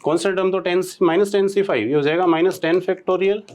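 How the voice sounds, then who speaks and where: A man with an Indian accent teaching maths from a board, often checking in with rhetorical questions and slowing down to dictate formulas. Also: high-pitched, darkish tone. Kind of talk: blackboard lecture.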